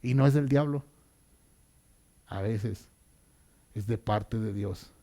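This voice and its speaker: Male pastor, dramatic sermon delivery, unhurried, gravelly fry. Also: lowish voice. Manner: dramatic, swinging between loud and hushed.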